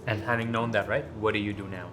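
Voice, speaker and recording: A man's voice: lowish voice, steady tone, fast, a bit bright. A young man hosting a casual cafe interview, asking upbeat, friendly questions. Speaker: host. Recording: background guitar music.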